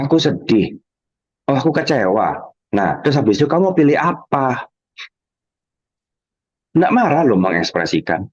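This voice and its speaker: A man from Indonesia, giving a motivational talk as an emotional coach, telling stories animatedly and acting out quoted voices. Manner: animated storytelling, acting out quoted voices with sudden high jumps. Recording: slightly dull lo-fi audio.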